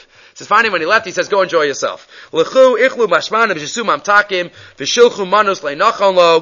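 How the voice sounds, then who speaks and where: A man's voice: high-pitched, lo-fi sound. A man teaching a Talmud class, explaining the text phrase by phrase, asking rhetorical questions and acting out the characters' reactions. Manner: lively, acts out the characters' reactions.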